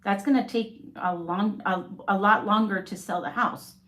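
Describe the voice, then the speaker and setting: A woman's voice: medium pitch, moderate pace, a bit bright. Chatty woman agent who keeps saying "okay?". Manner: rambling, keeps adding "okay?". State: coughing. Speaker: real estate agent. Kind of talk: live-stream talk.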